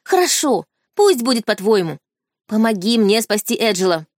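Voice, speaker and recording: A woman's voice: a little high, very animated, moderate pace, a little mellow, dry recording, clean studio sound. A woman reading an audiobook, voicing a desperate young wife who speaks urgently and with agitation. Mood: frantic.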